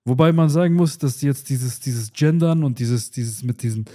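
A man in his twenties co-hosting a podcast, telling stories in lively, slangy casual chat. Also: medium pitch, moderate pace. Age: 20s. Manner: lively, animated storytelling with slangy asides. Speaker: podcast co-host.

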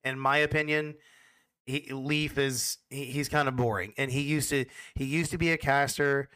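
Casting note: man, esports caster type, bright crisp voice, dry close sound, halting casual answers. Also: mid-range voice, steady tone, no echo. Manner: hesitant, repeats words when starting.

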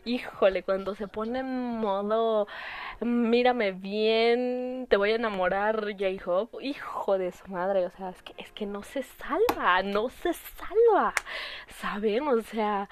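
A young woman with a Mexican Spanish accent, hosting a podcast in a giggly, gushing casual chat. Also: mid-range voice. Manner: gushing and giggly, with frequent laughs. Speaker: podcast host.

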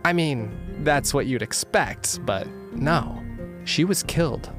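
An actor playing a wry, chatty man thinking out loud. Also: medium pitch, lively intonation, takes it slowly, over music.

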